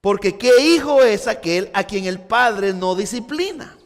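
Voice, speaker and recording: High-voiced man preaching a fervent sermon. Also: lively intonation, measured pace, in a large hall. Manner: fervent preaching, repeats words for emphasis. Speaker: pastor.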